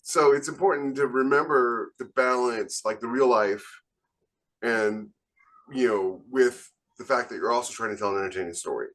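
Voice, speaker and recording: A podcast co-host who also writes military science fiction talks in a medium-pitched, slightly bright voice at a moderate pace. In this casual, opinionated panel discussion, he argues his views at length, relaxed in tone but emphatic.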